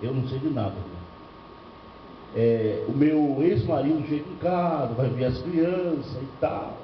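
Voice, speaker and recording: Preaching in a church hall, an older pastor from Bahia, northeastern Brazil, uses a mid-range voice with lively intonation, going a little slow. He tells stories laced with humor and rhetorical questions, and the distant, echoey lo-fi recording carries a little hiss or hum.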